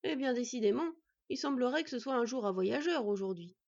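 A woman reading an audiobook, voicing a gruff, gossipy middle-aged male villager who speaks in a confiding tone. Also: a little high, animated, a little fast, a little mellow, muffled recording.

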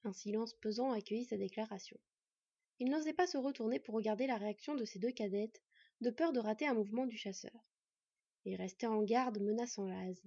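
A woman reads a fantasy story aloud in an even, measured narrating voice. Her voice is a bit high and breathy, recorded dry with a slightly dull, lo-fi sound. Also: dry recording. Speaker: audiobook narrator.

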